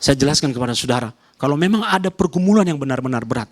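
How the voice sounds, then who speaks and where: A male pastor from Nias, Indonesia, preaches emphatically in an expressive, rapid-fire delivery. He swings from loud, raised calls to quiet, low asides, speaks directly to the congregation, and repeats short phrases.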